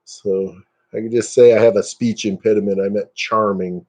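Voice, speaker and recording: Joking, warm-voiced man in his fifties. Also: lowish voice, steady tone, moderate pace. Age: 50s. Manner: joking, self-mocking, chatty. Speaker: live-stream host. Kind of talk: casual live-stream chat.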